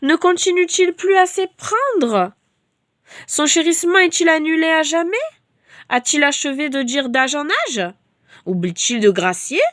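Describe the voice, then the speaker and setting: Woman, devotional reader; loud, fervent scripture declamation, bright-ish register. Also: high voice, animated, a little slow, dry recording, studio quality. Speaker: bible reader.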